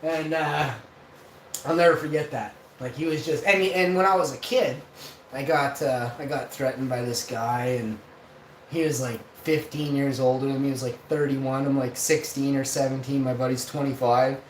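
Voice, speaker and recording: A man's voice: medium pitch, fairly even intonation, normal speed. A man in his forties telling a rambling, profane story in a casual vlog. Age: 40s. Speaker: vlogger host. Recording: roomy, distant mic, faint noise.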